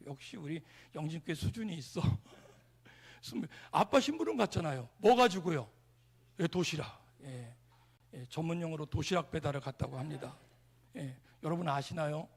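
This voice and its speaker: A man's voice: a little high, animated, moderate pace, creaky, breathy edge. A man preaching a revival sermon as pastor, telling a story playfully and throwing questions at the congregation. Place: large church sanctuary.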